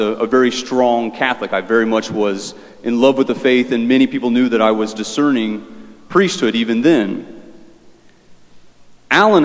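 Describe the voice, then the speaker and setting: A priest with a mid-pitched male voice reads scripture in a measured liturgical manner and then moves into earnest storytelling. His words ring out in a large church, trailing a long cathedral echo. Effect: cathedral echo, long church reverb. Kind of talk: gospel reading and homily. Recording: echoey church with long reverb.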